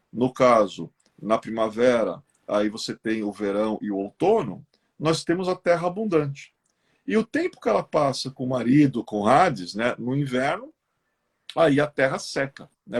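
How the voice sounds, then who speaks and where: A man's voice: medium pitch, gravelly, breathy edge. A man with a Brazilian Portuguese accent, teaching about esoteric lore in a live-stream chat. He tells old myths as stories, often checking in with his listeners. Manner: lively explainer who acts out myths in quoted voices, with frequent tag questions. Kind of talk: storytelling lecture in a live chat.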